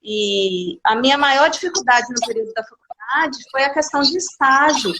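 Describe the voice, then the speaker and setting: A woman in her forties, raised in Minas Gerais, answers interview questions in a candid, chatty way, often restarting mid-sentence. Her voice sits a little high. The recording has clear background hiss, as on an online call. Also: normal speed, pushed and bright. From Minas Gerais, Brazil. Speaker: guest. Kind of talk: casual interview chat.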